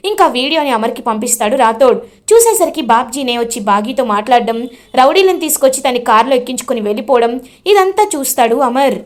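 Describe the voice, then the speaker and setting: A woman retells a television serial episode scene by scene in a lively, flowing storyteller voice. Her voice sits high. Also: quick pace.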